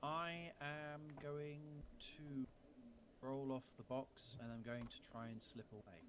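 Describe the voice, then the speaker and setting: A man's voice: mid-range voice, little pitch movement, slow pace, fairly bright tone, a little hiss or hum, poor audio. Hesitant man playing a tabletop game. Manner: hesitant, thinking aloud. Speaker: player. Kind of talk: casual tabletop game play.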